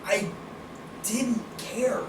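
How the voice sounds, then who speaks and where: A man's voice: very high-pitched, steady tone, very slow. A man hosting a casual wrestling review podcast, laid-back, laughing often and swearing casually. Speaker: podcast host. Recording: roomy, distant mic, noisy background.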